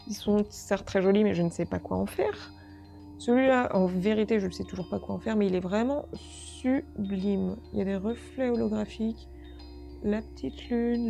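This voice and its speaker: Woman unboxing vlogger: casual, easily thrilled, fry in the voice. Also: medium pitch, warm tone. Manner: chatty, easily delighted, gushing over small items.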